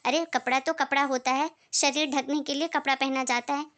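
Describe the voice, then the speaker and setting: A patient young daughter-in-law who speaks with polite firmness, voiced by a woman. Her voice is high and bright, and it is recorded close and dry. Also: steady tone, brisk, no echo. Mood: indignant. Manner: polite, firm.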